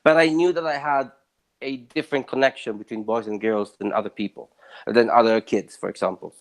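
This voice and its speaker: A man from Southern Italy, talking as a guest in a casual interview, emphatic and swinging widely in pitch and loudness. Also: fairly even intonation, brisk, creaky.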